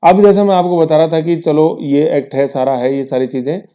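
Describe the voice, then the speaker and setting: A man's voice: a little high, fairly even intonation, fairly quick, warm tone. A man teaching an exam-prep lesson in a conversational way, with rhetorical asides to his students and English terms mixed in.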